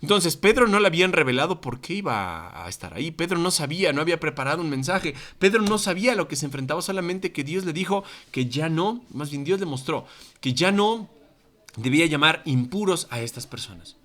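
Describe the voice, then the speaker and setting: Mexican male Bible teacher, lively sermon delivery with swooping intonation, slightly high voice, acts out quotes, church mic. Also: a little fast. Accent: Mexican Spanish. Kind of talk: Bible study lesson to a congregation. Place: church meeting room. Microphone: microphone.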